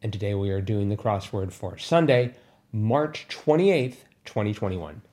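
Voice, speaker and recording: Soft-spoken man with a dark, mellow tone. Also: on the low side, animated, measured pace. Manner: soft-spoken, hesitant, self-correcting. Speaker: podcast co-host. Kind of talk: casual chat about a crossword puzzle.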